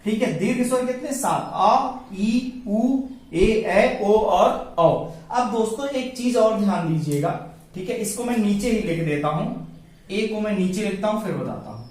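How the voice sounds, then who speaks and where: A male teacher giving an exam-prep lecture, asking questions and answering them himself, stretching the vowel sounds slowly while writing on a board. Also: high-pitched, lively intonation, a little mellow. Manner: addresses listeners as friends. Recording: very echoey room, voice from some distance to the mic.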